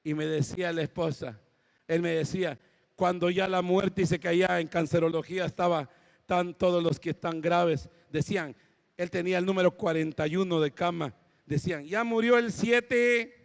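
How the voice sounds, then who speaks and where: A man with a Mexican accent preaching a sermon, telling dramatic stories and rising to shouted exhortation. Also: on the high side, steady tone, moderate pace, vocal fry. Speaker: pastor. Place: church auditorium. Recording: long church-hall reverb.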